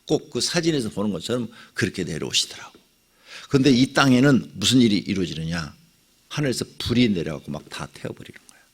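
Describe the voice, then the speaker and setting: A middle-aged male pastor telling a personal testimony in a dawn prayer sermon, dramatic, with sudden swings between loud cries and near whispers. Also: fairly low pitch, very animated, a little fast, husky.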